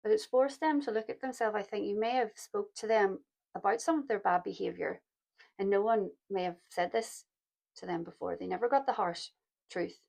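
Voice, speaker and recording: A woman with a croaky voice giving a pick-a-card tarot reading, speaking softly and reflectively and calling her listeners "my loves". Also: mid-range voice, moderate pace. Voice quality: gravelly. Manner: soft-spoken, reflective, addresses listeners as "my loves". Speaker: tarot reader.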